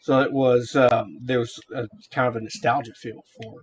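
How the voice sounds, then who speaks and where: A man's voice: medium pitch, fairly even intonation, moderate pace, slight background noise. A middle-aged man hosting a gameplay series, talking casually as he reviews a game.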